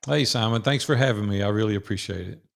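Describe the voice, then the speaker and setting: A man's voice: fairly low pitch, quick pace, creaky. A man in his sixties with a Southern US drawl, telling folksy stories about his business past as an interview guest. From Southern United States. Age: 60s. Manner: folksy, anecdotal. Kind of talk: casual storytelling interview.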